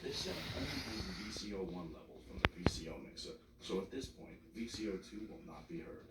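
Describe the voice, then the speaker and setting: A man giving scripted, step-by-step instruction in a measured, explanatory manner. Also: deep voice, animated. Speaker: instructor, tutorial narrator. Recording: roomy, distant mic, music behind.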